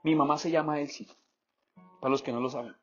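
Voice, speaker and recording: A man's voice: fairly high pitch, quick pace, soft background music. A man from Colombia with a Bogotá accent, a pastor telling a story in a sermon and acting out the voices of people in it. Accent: Bogotá Colombian Spanish. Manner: animated storytelling, acts out quoted voices. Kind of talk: sermon testimony. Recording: slightly dull lo-fi sound.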